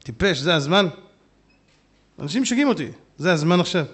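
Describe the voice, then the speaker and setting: A rabbi preaching a humorous sermon, talking straight to his listeners and jumping into shouted asides. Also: fairly high pitch, breathy edge. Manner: animated, jumps into shouted asides and quick put-on voices; humorous, talks straight to the audience. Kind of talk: sermon with storytelling. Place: synagogue hall.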